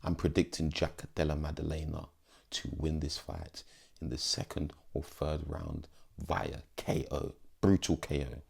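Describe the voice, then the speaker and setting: Very deep, gravelly-voiced man. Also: steady tone, measured pace, darkish tone. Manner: slangy, emphatic, pleading. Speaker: MMA vlogger. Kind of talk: casual fight predictions.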